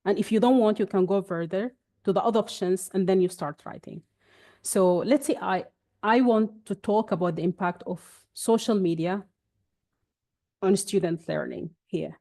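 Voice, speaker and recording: Demonstrating software via screen share in a webinar, a young native Arabic speaker talks in a chatty, explanatory way. She restarts frequently, with a mid-range voice at a moderate pace.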